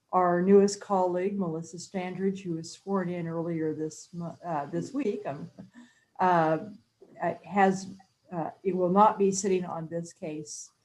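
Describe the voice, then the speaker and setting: Low-voiced American woman presiding formally. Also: darkish tone, low-quality recording. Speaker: chief justice presiding in court. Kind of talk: formal courtroom address.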